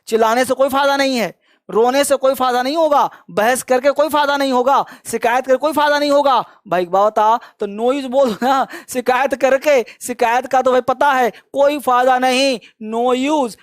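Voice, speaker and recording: A man teaching spoken English, repeating phrases slowly and coaxing his students along. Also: very high voice, no echo, clean studio sound. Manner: drills phrases by slow repetition, coaxing and emphatic. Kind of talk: classroom-style language lesson.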